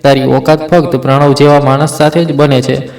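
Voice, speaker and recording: A man's voice: medium pitch, little pitch movement, moderate pace, gravelly, a little mellow, echoey room, close to an everyday voice, rough recording. A man reading as a spiteful jealous young woman. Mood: threatening. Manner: cold, threatening.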